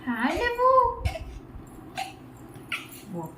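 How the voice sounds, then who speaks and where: A woman's voice: high voice, huge pitch swings, extremely slow, sharp tone, recorded from a distance, a little hiss or hum. A woman family vlogger talking in a casual, cooing, sing-song baby talk as she coaxes a small child, repeating herself. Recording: echoey room.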